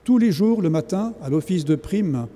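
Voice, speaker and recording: An earnest male priest delivers a sermon with a fairly high pitch and an extremely dark, mellow tone. His words ring out with a long reverb, as if they fill a large church. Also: expressive, moderate pace. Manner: earnest, exhorting.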